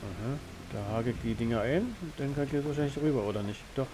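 A man's voice: medium pitch, fast. Colloquial man over noisy game sound. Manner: thinking aloud, colloquial, slangy. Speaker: let's play host. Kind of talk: casual gameplay commentary. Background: game ambience.

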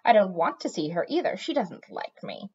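A woman's voice: medium pitch, very animated, normal speed, husky, muffled recording. Woman doing a fussy chattering male cat. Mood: fretful. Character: talkative fretful young male cat.

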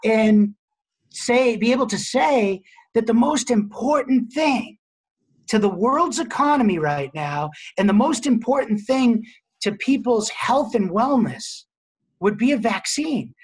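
A man's voice: very high-pitched, expressive, unhurried, slightly rough. A middle-aged man hosting a town hall over a video call from his office, talking in a conversational, emphatic way. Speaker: host, industry association head. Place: office, indoors. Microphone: video call webcam.

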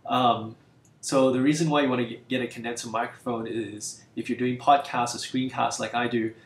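A man's voice: mid-range voice, steady tone, moderate pace. A man giving a casual tutorial, hesitant and full of fillers, recorded through a computer's built-in mic so he sounds echoey, like he is in a cave. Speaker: tutorial presenter.

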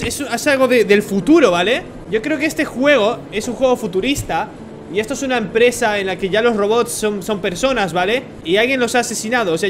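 Young man, Spanish accent, horror gaming commentary, jumpy, swearing, lively swooping voice. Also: high voice, noisy background. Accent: Spain Spanish. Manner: jumpy, swears and shouts when startled. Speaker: gaming YouTuber. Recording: game music behind voice.

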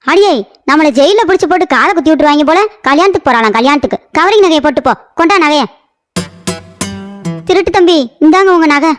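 High squawky cartoon granny type, greedy and nagging, a woman putting her on. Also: expressive, quick pace, faint music behind. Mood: fretful. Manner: shrill, scolding, complaining. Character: greedy scolding old village mother. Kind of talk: cartoon voice acting.

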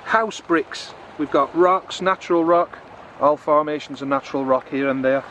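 A middle-aged man chatting excitably to his viewers while magnet fishing outdoors in a river, filmed on a camera. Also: fairly high pitch, normal speed, a little hiss or hum. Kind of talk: casual outdoor commentary. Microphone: camera on a tripod or handheld.

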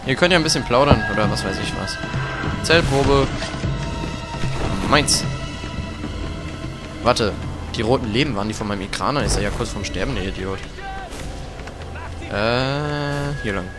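A young man giving casual let's play commentary, crude and swearing, often yelling at the game. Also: medium pitch, normal speed, long pauses. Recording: voice over game music.

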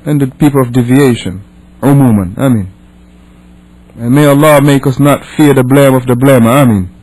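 In this poorly recorded religious lesson, a man from Senegal teaching as an imam speaks English as a non-native speaker. His mid-range voice is a little mellow, and he reads and explains emphatically, repeating and rewording his points and posing rhetorical questions.

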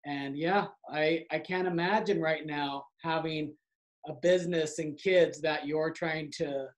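A man's voice: a little high, fairly even intonation, a little slow, rough recording. A man who works for a community organization, talking earnestly and reflectively in a casual conversation.

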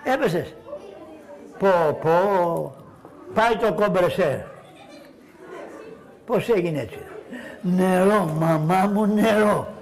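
Guy doing a cheeky scheming trickster in a puppet show, high voice, kids yelling in the crowd. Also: pauses often. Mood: mocking. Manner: loud, bantering, teasing, addresses children in audience. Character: cheeky scheming poor man, swing-ride hawker. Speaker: shadow puppeteer. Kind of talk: live Greek shadow-puppet theatre. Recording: live show with audience noise. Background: audience of children.

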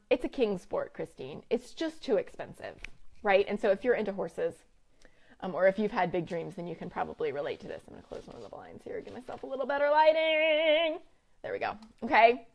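A woman in her thirties hosting a casual live stream from a room at home, chatty and full of fillers and restarts as she talks to viewers. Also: medium pitch. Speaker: business coach and host. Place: home room with window blinds. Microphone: webcam or phone live-stream.

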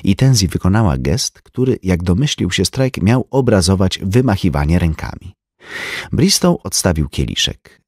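A man narrating an audiobook, his pitch rising and falling freely as he tells the story. The delivery is expressive and measured. The recording is dry and close. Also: breathy edge, no echo. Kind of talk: scripted narration.

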